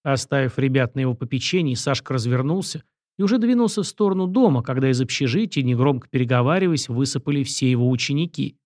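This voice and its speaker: A man narrating an audiobook in a steady storytelling voice. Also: mid-range voice, quick pace, dry recording, studio quality. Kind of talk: scripted narration.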